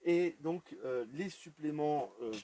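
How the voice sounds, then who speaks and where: Walking through an aquarium shop live, a tour host talks slowly in a warm, rather high voice. His relaxed commentary is loose and full of fillers.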